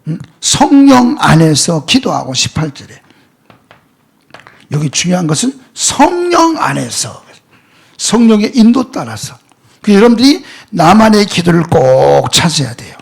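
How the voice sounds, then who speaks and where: A man's voice: high voice, big pitch swings, unhurried, vocal fry, long pauses, breathy edge. A male pastor preaching a sermon, emphatic and full of rhetorical questions, at times dropping to a near-whisper. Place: church sanctuary.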